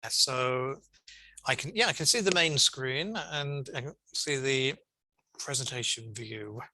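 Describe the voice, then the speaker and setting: Chairing an online conference session over video call, a man gives encouraging feedback in an informal, rambling way. His medium-pitched voice is sharp and measured, and the recording is dry and rough.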